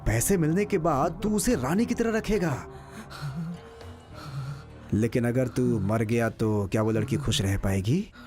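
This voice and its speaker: An actor voicing a scheming gang member who coaxes and presses someone to talk, in a dubbed film. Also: male voice, medium pitch, expressive, a little slow, pauses often, music in the background, lightly acted. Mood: coaxing. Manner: persuasive, insistent. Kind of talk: Hindi film dub acting.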